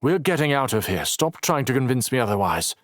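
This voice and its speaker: A man's voice: medium pitch, big pitch swings, a little fast, no echo, studio quality, voice pushed up, lightly acted. A man narrating an audiobook voices an injured, determined man who talks earnestly, teases, and snaps back. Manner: earnest, teasing, snappish.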